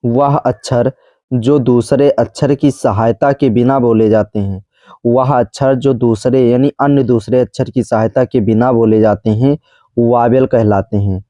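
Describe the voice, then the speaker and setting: A man's voice: medium pitch, steady tone, unhurried, dark tone, no room sound. A man teaching basic English grammar in Hindi, saying each definition twice and pronouncing English terms with a Hindi accent. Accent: Hindi-accented English words. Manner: repeats each definition twice, calls viewers friends. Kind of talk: grammar lesson explained slowly.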